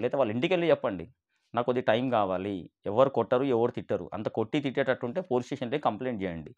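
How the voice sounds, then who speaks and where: Fast-talking preachy man. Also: mid-range voice, muffled recording. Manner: animated, preachy, mixes English words into speech. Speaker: business motivational speaker. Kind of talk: motivational monologue to camera.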